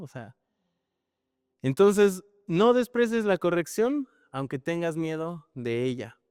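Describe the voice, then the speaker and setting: Conversational man preaching, smooth voice. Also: on the high side, dry recording, studio quality, long reverb tail. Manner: conversational, frequent tag questions, animated storytelling. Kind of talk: sermon.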